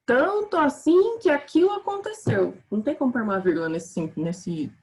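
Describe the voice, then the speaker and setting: Chatty Brazilian teacher, higher voice. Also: female voice, animated, normal speed, a little mellow, a little hiss or hum, poor audio. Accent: Brazilian Portuguese. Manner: casual, chatty, talks to students as "gente". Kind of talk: online grammar lesson.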